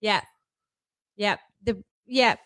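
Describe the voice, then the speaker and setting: A woman's voice: mid-range voice, drawn-out words, fairly bright tone, no echo, rough recording. A woman co-hosting a podcast, telling strange news stories in a loose, joking way, laughing often and swearing freely. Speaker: podcast co-host. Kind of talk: casual chat.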